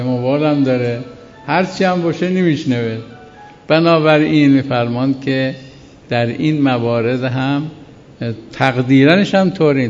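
A man teaching Islamic law in a class, reading a legal text slowly and then explaining it with many repetitions. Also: medium pitch, a little mellow, long reverb tail, dull audio. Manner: reads Arabic text slowly, then explains by repeating himself.

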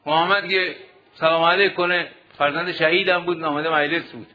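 Bright and forceful, this slightly high, steady male voice belongs to a cleric preaching to seminary students. He exhorts them through rhetorical questions, and the recording is dull and lo-fi.

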